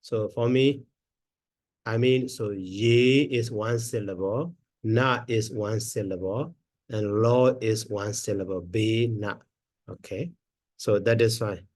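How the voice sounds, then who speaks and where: A man teaching Pali grammar in a slow lesson, counting syllables aloud one at a time with many pauses and fillers. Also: fairly low pitch, darkish tone, no echo.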